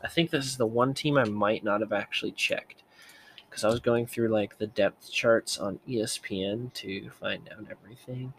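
A man's voice: lowish voice, steady tone, normal speed, a little hiss or hum. A young man hosting a sports video, commenting casually and thinking aloud, often correcting himself as he goes.

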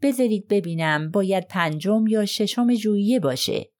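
Lightly acting with lively intonation, a woman whose voice is medium-pitched and darkish voices a reserved young man in an audiobook. Under questioning, the character answers briefly and guardedly.

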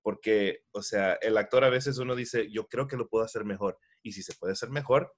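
Animated man, dubbing director. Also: on the low side, fairly quick. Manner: animated storyteller, acts out quoted exchanges. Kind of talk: casual conversation.

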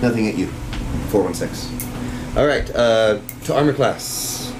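A man's voice: fairly low pitch, lively intonation, a little slow, background noise. A man acting as game master at a tabletop session, casual and salty-tongued, thinking aloud as he calls out rolls and results. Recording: echoey room with background music.

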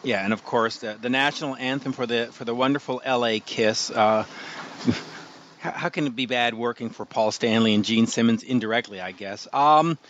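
A man's voice: mid-range voice, moderate pace, fairly bright tone, a little hiss or hum. Tired, rambling male interviewer, lo-fi. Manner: rambling, stumbling, self-deprecating. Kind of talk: casual interview.

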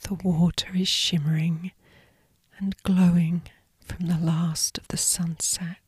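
A woman narrating a scripted sleep story as a guided meditation, in a breathy, hushed, soothing whisper. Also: on the low side, level tone, slow, dry recording, studio quality.

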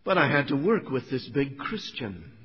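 A man's voice: mid-range voice, big pitch swings, moderate pace, slightly rough, big-room sound, lo-fi sound. A middle-aged man, preaching a sermon and telling his own story to the congregation with earnest asides. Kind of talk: sermon testimony.

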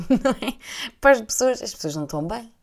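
A young adult woman with a European Portuguese accent, hosting a casual chat and telling anecdotes in an animated way, laughing often and acting out voices. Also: on the high side, quick pace. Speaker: podcast host.

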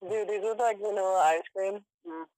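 A woman's voice: mid-range voice, normal speed, mellow, poor audio. A woman co-hosting a casual podcast remotely, giggly and chatty, eating while she talks. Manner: giggly, talks with her mouth full. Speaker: podcast co-host. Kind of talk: casual chat.

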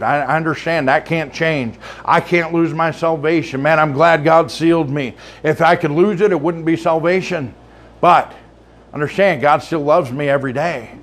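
Male pastor, slightly raised pitch, earnest sermon delivery with repetitions and restarts, church setting. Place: church sanctuary.

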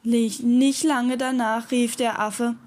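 A woman reading a children's adventure story aloud in a gentle storytelling manner. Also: fairly high pitch, slow pace.

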